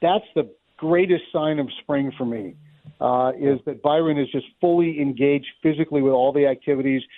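A baseball announcer with a slightly high voice speaks at a moderate pace during an interview, giving chatty sports analysis. He thinks aloud, wordy and prone to repeating words. The line is thin like a phone call, and there's no echo.

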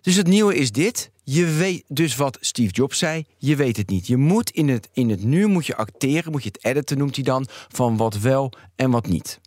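A man in a lively podcast debate who argues his point and thinks out loud. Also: medium pitch, moderate pace, few pauses, no echo, studio quality. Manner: animated, argumentative, thinks aloud.

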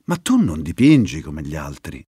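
A man voicing a gentle, cheerful female grass snake who talks simply and kindly. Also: a bass voice, huge pitch swings, moderate pace, husky, dry recording, studio quality, pitched below the performer's own voice, full character voice. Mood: earnest.

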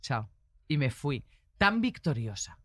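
A woman talks as a guest, her pitch swinging widely as she tells a story. She sounds sure of herself and playful. The sound is dry and close. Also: normal speed, dry recording. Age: 40s. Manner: assured storyteller, animated and playful. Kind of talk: casual chat.

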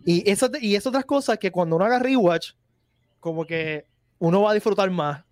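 A man's voice: sits high, brisk, no echo, studio quality. A man co-hosting a casual chat, talkative and steering the discussion, speaking from home on a video call. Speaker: podcast co-host.

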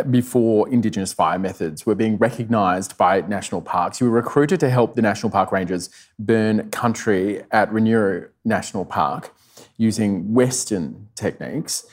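A man with a fairly low voice conducts a live interview. He frames his questions in a measured, thoughtful way. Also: animated.

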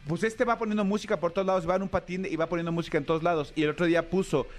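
High-voiced Mexican man, joking co-host. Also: fairly even intonation, very fast, faint music behind. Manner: rambling, joking commentary. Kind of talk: casual radio chat.

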